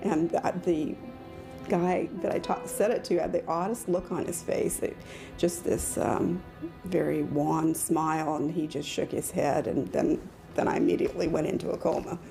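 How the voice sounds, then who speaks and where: A woman, a doctor and crash survivor, recounting her experience haltingly in an interview. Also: low-pitched, fairly even intonation, creaky, over music, rough recording. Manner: halting, searching for words. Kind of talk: interview recollection.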